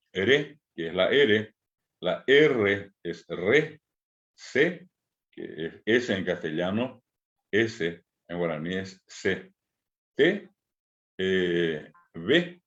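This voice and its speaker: A middle-aged man teaches a language class online, speaking in a fairly low voice. He explains patiently, stops to repeat each sound slowly, and fills the pauses with drawn-out hesitations. The audio is dull and lo-fi, like a streamed lesson. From Paraguay.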